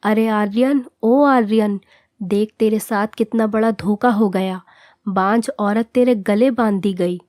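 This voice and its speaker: A woman's voice: mid-range voice, fairly even intonation, slow, a little mellow, no echo, clean studio sound, lightly acted. A woman voicing a stern, traditional middle-aged mother-in-law who scolds and commands, in storybook narration. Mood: shocked anger.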